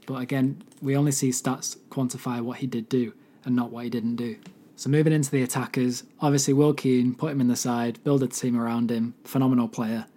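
A man with a hoarse, mostly lost voice hosting a solo football podcast, giving earnest fan opinions. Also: mid-range voice, little pitch movement, brisk, dark tone. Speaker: podcast host.

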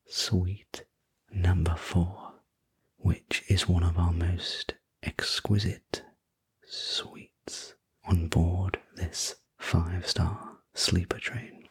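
A man's voice: sits low, full character voice. Man as a whispering sleep story train conductor. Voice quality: breathy, whispered. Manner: soothing, polite, unhurried sleep story delivery. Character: courteous, attentive male night conductor on a luxury sleeper train. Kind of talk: whispered role-play.

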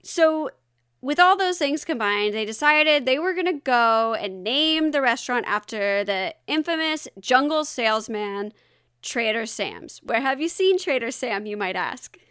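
A woman co-hosting a casual podcast chat, telling a story with lots of giggles and animated asides. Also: fairly high pitch, unhurried, clear, resonant tone, no echo, studio quality. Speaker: podcast co-host.

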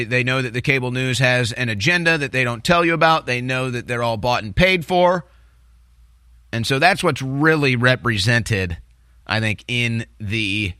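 Bright-voiced American man, conspiratorial political rant. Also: mid-range voice, clean tone, no room sound, studio quality. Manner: agitated, conspiratorial, distrustful. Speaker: talk show host. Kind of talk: opinionated political commentary rant. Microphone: close studio microphone. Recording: music bed behind the voice.

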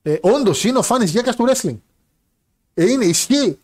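Animated high-voiced man in wrestling banter. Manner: animated, laughing, joking banter. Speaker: podcast co-host. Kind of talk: casual wrestling chat reading viewer messages.

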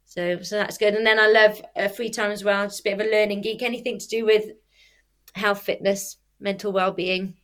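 A woman's voice: mid-range voice, fairly even intonation, fairly quick, a bit bright. A woman who says w for r, chatting casually in an interview and explaining things with examples and self-corrections. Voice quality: cannot pronounce R well, says w for r. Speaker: athlete and youth sports coach.

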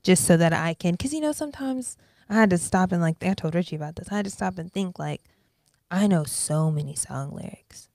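A woman in her twenties talks as a guest on a podcast, chatty and animated, now and then sinking into a whisper. Her voice sits low with a gravelly fry. It is recorded close and dry. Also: fairly quick, dry recording. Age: 20s. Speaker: guest artist. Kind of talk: casual podcast conversation.

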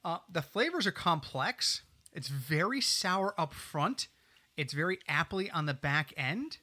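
A man's voice: a little high, lively intonation, a little slow, sharp tone. A man co-hosting a podcast, chatting casually and telling rambling jokey stories at a desk mic in a small studio. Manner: chatty, joking, rambling storyteller. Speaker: podcast co-host. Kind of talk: casual chat. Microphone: desk mic, sometimes off mic.

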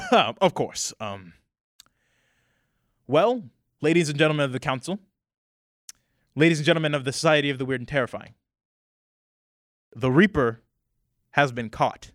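A man's voice: on the high side, normal speed, long pauses, dry recording, clean studio sound, voice pushed up, close to an everyday voice. A man voicing a pompous diplomat who announces grave news in a grand, ceremonious way.

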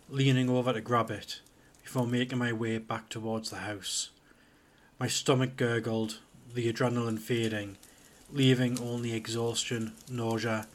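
Man reading a horror story flatly. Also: mid-range voice, slight background noise. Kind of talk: scripted horror narration.

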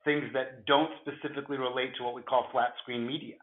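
Gravelly hoarse guy explaining stuff in an interview, echoey room, bit muffled. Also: mid-range voice, flat delivery, fairly quick. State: hoarse from flu. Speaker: interview guest, futurist at a film studio. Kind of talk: conversational interview.

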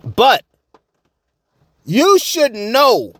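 Animated slangy New man. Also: very high-pitched, very slow, no echo. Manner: animated, slangy, repeats himself. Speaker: vlogger. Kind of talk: casual opinion commentary.

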